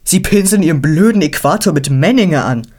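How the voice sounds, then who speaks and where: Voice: mid-range voice, animated, fairly quick, darkish tone, husky, voice pushed up. A storyteller voicing an anxious, politely fussy talking horse in a storybook reading. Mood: fretful.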